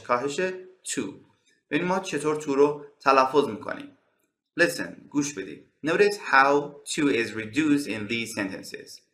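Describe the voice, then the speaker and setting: Guy from iran teaching english, bright voice, echoey room, slow careful example lines. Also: medium pitch. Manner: slow, carefully spaced English examples between quick explanations. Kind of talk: bilingual language lesson.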